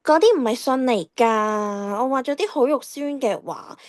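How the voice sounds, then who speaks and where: In a Cantonese radio drama, a woman plays a cheeky, defiant teenage schoolgirl, her fairly high voice expressive and lightly acted at a normal pace. She sounds evasive and whiny, with a dramatic delivery.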